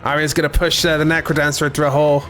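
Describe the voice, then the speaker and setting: A man's voice: a little high, flat delivery, fast talker, a bit bright, soft background music. A young man streaming a game, chatting casually in a rambling, talkative way. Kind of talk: casual gameplay commentary.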